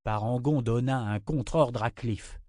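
A man reading a novel aloud in measured scripted narration. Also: mid-range voice, warm tone, dry recording, studio quality. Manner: measured, storytelling. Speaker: audiobook narrator.

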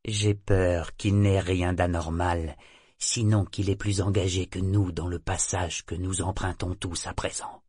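A man voicing an ancient male sea serpent leader who speaks softly and gravely, without emotion. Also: flat delivery, no echo, studio quality. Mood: ominous. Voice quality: husky, low and unhurried. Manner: soft, emotionless, slow and grave. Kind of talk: audiobook character voice.

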